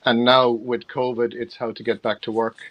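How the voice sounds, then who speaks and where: A man's voice: mid-range voice, little pitch movement, normal speed, lo-fi sound. A middle-aged man with an Irish accent, answering interview questions in a conversational, rambling way, often repeating words as he explains. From Galway, Ireland. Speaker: interview guest, freelance theatre production manager.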